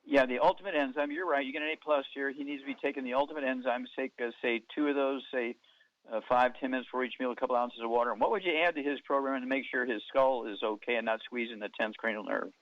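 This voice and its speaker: A man hosting a call-in health radio show, firing quick yes-no questions at callers and giving folksy analogies, taped off the radio. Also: medium pitch, fairly even intonation. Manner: quizzes callers, many "okay"s, folksy analogies. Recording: dull radio broadcast taped off air.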